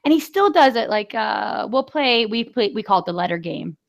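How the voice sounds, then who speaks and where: Woman, 40s, podcast co-host, rambling anecdotal chat, mid-pitched. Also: expressive, moderate pace, creaky. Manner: chatty storyteller, many fillers and laughs. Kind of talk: casual chat.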